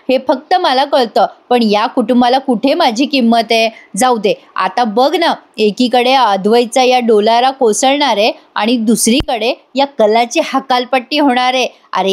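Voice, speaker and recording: A woman's voice: a little high, close to an everyday voice. A woman reading a scheming, spiteful mother. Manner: gloating, plotting. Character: scheming middle-aged mother, cunning and spiteful.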